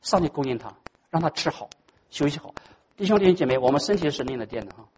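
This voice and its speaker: A pastor delivering a sermon at a fast clip. The pitch moves in wide, lively swings, and the dramatic delivery drops to a near hush before climbing loud again. English words slip into the speech now and then. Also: slight background noise, low-quality recording. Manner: animated, dramatic, swings between hushed and loud.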